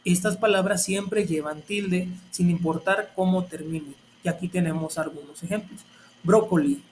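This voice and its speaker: A man's voice: high-pitched, normal speed, a little mellow, slight background noise. A man, teaching a grammar lesson step by step in a patient, explaining way.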